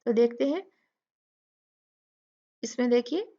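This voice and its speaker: A woman's voice: mid-range voice, slow pace, creaky, a little mellow, dull audio. A woman teaching tajweed step by step, patiently repeating each sound syllable by syllable. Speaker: Quran recitation teacher.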